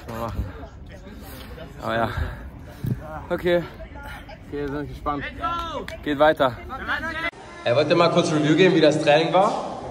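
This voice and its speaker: A young man chatting and teasing his friends on a football pitch, his voice sitting a little high. He jokes around in loose, casual vlog banter. Chatter from a crowd of people fills the background. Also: moderate pace, long pauses. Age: young adult. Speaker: vlogger.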